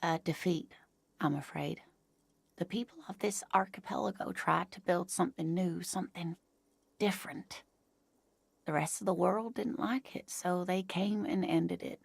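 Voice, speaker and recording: An actress voicing a kindly woman in a game who gently explains the city's history and calls the listener sweetie. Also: lowish voice, moderate pace, no room sound. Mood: gentle. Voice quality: gravelly, gentle and motherly. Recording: dry studio game dialogue.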